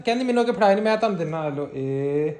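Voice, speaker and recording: A young man with a Punjabi accent teases his mother in a family prank vlog, speaking rapid-fire with lively intonation. His voice swings between loud and low. The room is echoey, with slight background noise.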